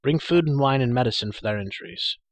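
A man voicing a proud, cruel sorceress queen in an audiobook reading, silky and coaxing, turning shrill when enraged. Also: lively intonation, quick pace, no echo, close to an everyday voice. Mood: indignant. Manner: silky, then shrill and raging.

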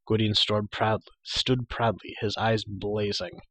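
A man narrating a fantasy audiobook in a steady, dramatic storytelling manner with occasional slips. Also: fairly low pitch, a little slow, no room sound. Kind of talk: audiobook reading.

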